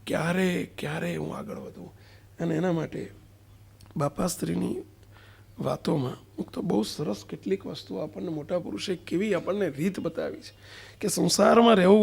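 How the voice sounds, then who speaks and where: Man, sermon, gravelly, slightly high, questioning and emphatic. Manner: questioning, emphatic, acts out a street seller's cries. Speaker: preacher. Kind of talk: devotional sermon.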